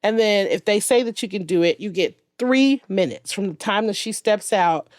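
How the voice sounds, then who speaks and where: A woman talks in a relaxed, chatty way, with a voice of middle pitch. Her telling is animated, with frequent laughter and swearing. She is heard close on a dry studio mic with no room sound. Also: normal speed, dry recording. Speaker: podcast host. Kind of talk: casual chat.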